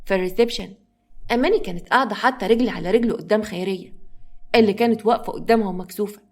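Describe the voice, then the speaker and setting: A woman with an Egyptian accent narrating a dramatic family story in a brisk, expressive storytelling manner. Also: mid-range voice.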